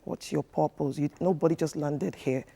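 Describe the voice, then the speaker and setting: A man's voice: fairly high pitch, fairly even intonation, moderate pace, gravelly, dark tone. Earnest man giving advice. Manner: earnest and instructive, with many fillers. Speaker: relationship coach. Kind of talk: TV studio interview, advice-giving.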